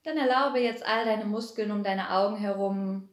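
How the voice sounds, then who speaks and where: A woman guiding a relaxation meditation, speaking in a soothing way and slowly counting down to deepen the relaxation. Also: roomy sound. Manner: slow, soothing, repetitive counting down. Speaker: meditation guide. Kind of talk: guided hypnosis meditation.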